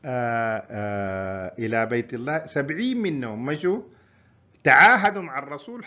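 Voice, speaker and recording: A man's voice: mid-range voice, gravelly, a bit bright. Sudanese man giving a lo-fi lecture. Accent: Sudanese Arabic. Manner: conversational, explains and repeats points. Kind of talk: informal history lecture.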